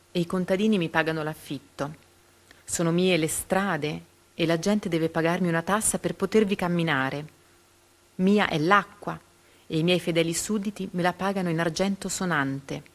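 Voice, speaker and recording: A bullying male tyrant from a storybook, grasping and self-important, as a woman reading aloud puts him on, lingering heavily on every word. The voice sits a little low and drags its phrases with slow, possessive weight. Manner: slow, emphatic, possessive declaiming. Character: greedy pompous male tyrant, bullying and demanding.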